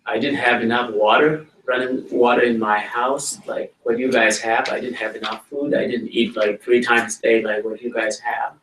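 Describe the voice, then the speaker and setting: A man's voice: medium pitch, little pitch movement, a bit bright, slight background noise. South Sudanese man speaking to schoolchildren. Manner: plain, slow-paced storytelling, addressing children directly. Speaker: guest speaker. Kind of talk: talk to schoolchildren. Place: school library. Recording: roomy hall audio from a distance.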